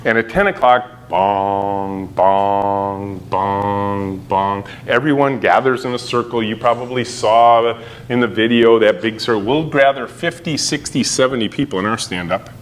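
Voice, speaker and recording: A middle-aged man giving a conference keynote talk, telling stories in an animated way and acting out quotes with sudden jumps in pitch. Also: moderate pace, a little hiss or hum. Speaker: keynote speaker. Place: conference hall.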